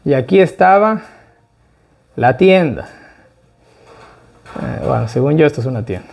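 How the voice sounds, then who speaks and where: A man leading a relaxed Bible study. He speaks in a fairly high voice and keeps checking in with his listeners as he goes. He slows down deliberately on the words he wants to stress. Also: gravelly. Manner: conversational, asks the group questions, tag "¿ya?". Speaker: Bible teacher.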